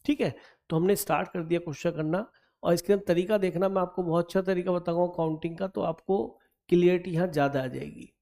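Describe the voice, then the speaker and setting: A man's voice: sits high, fairly even intonation, fast, warm tone. A man teaching maths, talking through an exam problem step by step and coaxing his students along in mix. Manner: coaxing, addresses students as beta, thinks aloud while counting. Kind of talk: explaining exam problem on a board.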